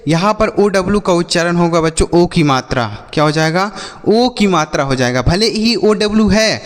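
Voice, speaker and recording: A man's voice: high-pitched, expressive, normal speed, long reverb tail. A male English teacher giving a phonics lesson to children, spelling words letter by letter and then asking and answering his own questions. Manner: addresses viewers as dear brother and children.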